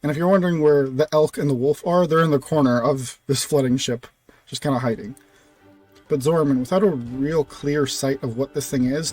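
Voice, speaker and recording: A man's voice: medium pitch, a little mellow. A young man casually narrating a recap of his tabletop fantasy campaign, with loose phrasing full of "kind of" and "like".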